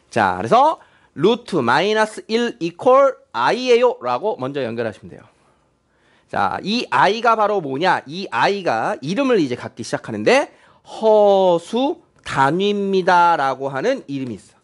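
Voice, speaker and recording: Lively high-voiced male math teacher. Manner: chatty, quizzing students with frequent questions. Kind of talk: classroom lecture. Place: classroom.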